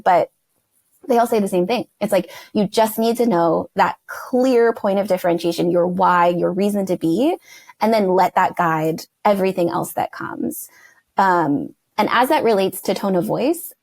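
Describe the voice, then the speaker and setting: A young woman speaks as a podcast guest in an easy, chatty way, leaning on fillers. Her voice carries a gravelly fry, and the sound is close and dry, with no room around it. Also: medium pitch, darkish tone, no room sound. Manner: chatty, fillers like "like" and "you know". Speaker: guest, verbal identity strategist. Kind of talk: casual podcast interview.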